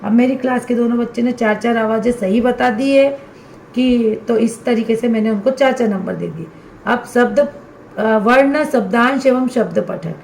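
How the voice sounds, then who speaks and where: A woman's voice: a little high, normal speed, gravelly, a little mellow, roomy sound, a little hiss or hum. A woman primary school teacher explaining step by step how to fill in a student assessment workbook for fellow teachers. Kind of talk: instructional walkthrough for teachers.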